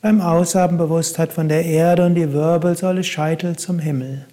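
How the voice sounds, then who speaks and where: A man guiding a meditation in a calm, soft-spoken way, with long pauses between instructions. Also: on the high side. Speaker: meditation guide.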